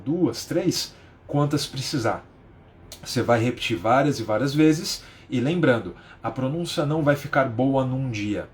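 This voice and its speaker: A man's voice: mid-range voice, a little hiss or hum. A man in his thirties from Brazil, teaching a live-streamed lesson from home in a chatty way, explaining through rhetorical questions and constant tag questions. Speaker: English teacher.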